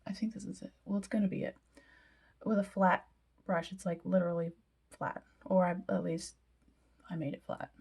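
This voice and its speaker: A woman's voice: fairly low pitch, steady tone, moderate pace, gravelly, long pauses, a little mellow, husky. A young woman chatting casually through a makeup tutorial, with self-deprecating asides that sometimes drop to a whisper. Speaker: beauty vlogger.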